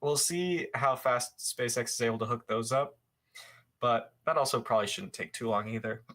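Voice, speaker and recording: A young man hosting a live show, giving casual commentary over footage, rambling with many fillers and quick self-corrections. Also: medium pitch, fairly bright tone.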